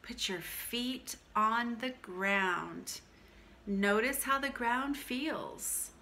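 A middle-aged woman coach giving a calm, soothing guided grounding exercise to camera, in measured instructions. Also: on the high side, slight background noise. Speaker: mental health coach, channel host. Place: small furnished room at home, indoors.

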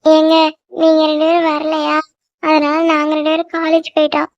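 A woman voicing a young cartoon wife who pleads and gets upset easily, with a whiny, squeaky voice. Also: monotone, moderate pace, no room sound, dull audio. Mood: worried.

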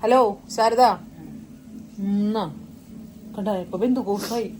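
A young woman vlogging casually from a home kitchen on a handheld phone, chatty and excitable as she talks to her viewers. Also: mid-range voice, takes it slowly. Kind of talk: casual vlog chat. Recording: clear background noise.

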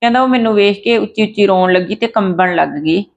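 A woman retells a true story in a chatty, unscripted way, circling back with fillers and restarts. Her voice sits at a medium pitch, and the recording sounds dull and lo-fi. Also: fast, gravelly. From Punjab.

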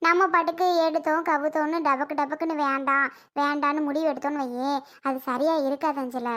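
A woman's voice: high voice, steady tone, fairly quick, fairly bright tone. A woman playing a young sister-in-law who pleads with and lectures a relative in a home-made family drama skit. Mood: earnest. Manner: pleading, lecturing, repeats herself.

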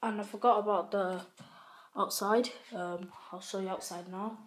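An English woman walks through her kitchen and living room giving a casual house tour for her vlog, filming on a handheld phone. Her medium-pitched voice stays steady at a normal speed, though she sounds chatty and unsure, using many fillers. The phone audio is noisy, with handling clicks.

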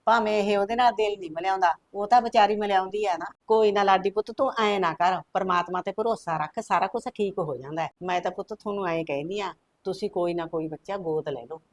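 An older woman playing a worried village mother who pleads gently with her family. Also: mid-range voice, quick pace, few pauses, no echo, close to an everyday voice. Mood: pleading. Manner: soft coaxing pleas, repeated "putt". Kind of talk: rural family drama acting.

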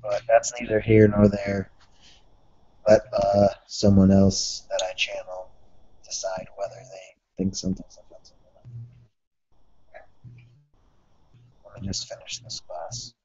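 A young man chatting casually, rambling, animated and swearing. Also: lowish voice, a little slow, pauses often, slightly rough. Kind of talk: casual chat. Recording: dull, dry lo-fi recording.

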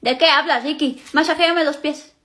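A woman's voice: sits high, fairly even intonation, moderate pace, bright, forceful tone. A woman playing a scheming young sister, bossy and sly, in a comedy skit.

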